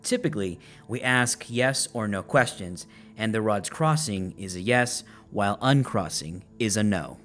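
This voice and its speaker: A man's voice: lowish voice, animated, unhurried, a bit bright, soft background music. A man in his twenties, host and lead investigator, narrating a ghost hunt and earnestly addressing spirits. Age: 20s. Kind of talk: ghost-hunting narration and group briefing.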